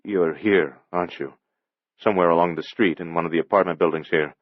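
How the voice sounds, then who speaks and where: A man playing a male police detective who speaks calmly and guardedly. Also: low voice, brisk, no room sound, muffled recording. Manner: calm, clipped, guarded.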